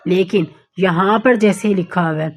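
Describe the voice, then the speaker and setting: A woman teaching an online Quran recitation lesson. She explains patiently, keeps checking in with her listeners and slows down to recite the Arabic examples. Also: lowish voice. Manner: patient, repeats points with frequent checking fillers.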